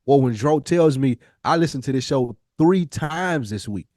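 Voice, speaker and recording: This American podcast host has a mid-range, darkish voice with lively intonation and a moderate pace. Chatting reflectively with his co-host, he's casual, earnest and rambling, emphatic, full of slang and swearing, and the studio-quality recording has no room sound.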